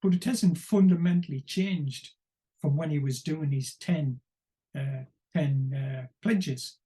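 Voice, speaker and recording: A man giving unscripted political commentary, rambling and wry, often pausing to search for words. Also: a little high, warm tone.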